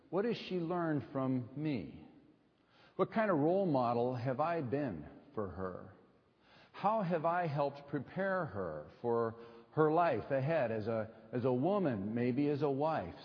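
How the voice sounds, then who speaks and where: A middle-aged American man preaching a sermon at a pulpit microphone, in a measured delivery with deliberate pauses and rhetorical repetition. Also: on the high side. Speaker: pastor preaching to a congregation. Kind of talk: sermon with personal storytelling. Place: large echoing church hall. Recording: dull sound in a reverberant hall.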